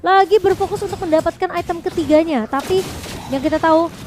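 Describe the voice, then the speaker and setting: A female esports shoutcaster with a very high voice gives live match commentary. There is faint noise behind her. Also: brisk.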